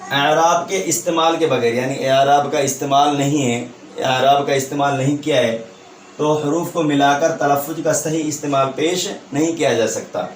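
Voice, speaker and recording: A man's voice: fairly high pitch, steady tone, a little hiss or hum. Man teaching, echoey distant recording. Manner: repeats each point as a question and answers it; checks understanding with a tag question. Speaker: Urdu teacher. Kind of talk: online exam-prep lecture.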